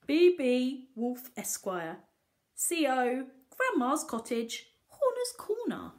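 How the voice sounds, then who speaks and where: Reading a picture book to young children, a woman with a high-sitting voice is expressive and stops like a teacher to explain things and ask simple questions.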